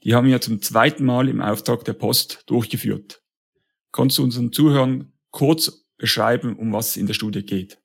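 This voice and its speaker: A man's voice: mid-range voice, normal speed, creaky, breathy edge. A man hosting a podcast, asking questions in an upbeat, enthusiastic way and reading a sponsor message. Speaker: podcast host.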